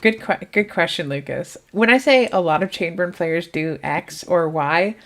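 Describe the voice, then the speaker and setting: A woman's voice: lowish voice, moderate pace, a bit bright. A woman with a Southern US accent doing casual live commentary on a card game tournament, chatty and thinking aloud as she answers viewers' questions.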